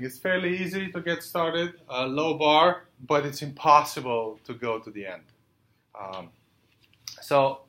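A man giving a university lecture, halting with many fillers and putting questions to the class. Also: on the high side, fairly bright tone. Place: lecture hall. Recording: echoey lecture hall.

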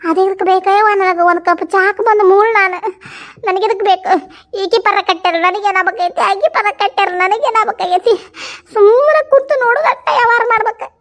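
Very high-pitched north karnataka woman doing a village comedy skit, all dramatic pleading and teary laughing. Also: fairly even intonation, a little fast, a bit bright. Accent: North Karnataka Kannada. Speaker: comedy sketch performer.

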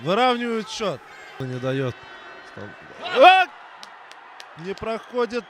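A man doing excited, partisan hockey play-by-play with shouted goal calls, cheering on the home team. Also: high voice, normal speed. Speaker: ice hockey commentator. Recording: noisy rink recording with crowd. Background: crowd and rink noise.

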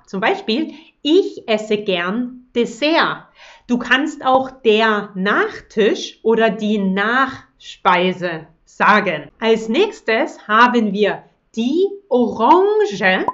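A woman gives a language lesson at a very slow, deliberate pace, saying each word with care before she translates it. Her voice sits a little high, and the recording sounds slightly dull. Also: a bit bright. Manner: slow, careful pronunciation, switching to English translations. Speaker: German teacher. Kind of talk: language lesson, repeating words slowly.

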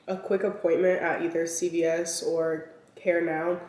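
A vlogger in her twenties chats casually to camera while eating, rambling with lots of fillers, her voice a little raspy from a lingering cold. She speaks lowish and darkish with a level tone and moderate pace. The camera sits on the counter at arm's length in her home kitchen and walk-in closet, so the sound is echoey and somewhat distant.

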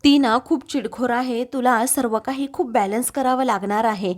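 A woman's voice: on the high side, steady tone, normal speed, close to an everyday voice. A woman narrator reading the lines of a teasing young woman in a serial recap.

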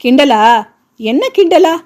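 Woman voicing hot-tempered young man for a storybook reading, barks and scolds quickly, high voice. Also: animated. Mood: shouting. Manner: shouting, scolding, fast and brusque. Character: angry domineering young man, a car driver.

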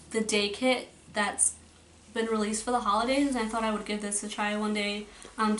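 A woman's voice: a little high, fairly bright tone. A woman talking casually through a makeup declutter, rambling a bit and restarting her thoughts, in her bedroom. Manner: rambling, chatty, trails off and restarts. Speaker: beauty vlogger. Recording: roomy, from a distance, faint noise.

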